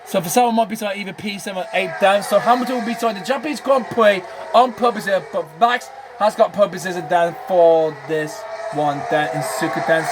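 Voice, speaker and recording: There's background noise as this high-voiced man, host of a gaming channel, talks through a racing management game. His voice is giving out, and he keeps falling back on "then" and "I'm afraid."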